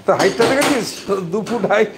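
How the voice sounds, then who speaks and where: Fast bossy Bengali man, noisy kitchen. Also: high-pitched. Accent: West Bengal Bengali. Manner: loud, teasing, gives orders. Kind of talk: casual bossy chat with staff. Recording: noisy street ambience.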